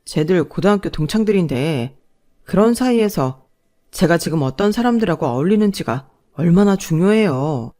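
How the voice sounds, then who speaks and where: A woman's voice: fairly low pitch, expressive, normal speed, dark tone, natural voice. A woman voicing an arrogant young husband who talks down to his wife and mother-in-law. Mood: wheedling. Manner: condescending, wheedling, then scornful.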